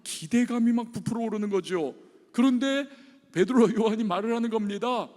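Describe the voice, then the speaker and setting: A man's voice: high voice, a little fast, long reverb tail. A male pastor preaching a sermon in a church, telling stories animatedly and acting out the people in them. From South Korea. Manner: animated storytelling, acting out voices of people in the story. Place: church sanctuary.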